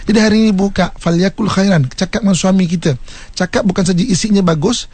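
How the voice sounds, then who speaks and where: A man's voice: sits high, fairly even intonation, fast, darkish tone, dry recording. A man with a Malaysian Malay accent giving a religious talk on the radio, explaining points and acting out short examples with changing intonation. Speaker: religious teacher. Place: radio studio.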